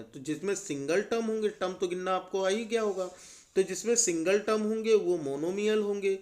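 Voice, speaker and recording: A young man teaching a maths lesson, asking rhetorical questions and repeating checks, slowing on key terms. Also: darkish tone. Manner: asks rhetorical questions, repeats "ठीक है" often; slows down on key terms, stresses answers low. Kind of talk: classroom lesson explanation.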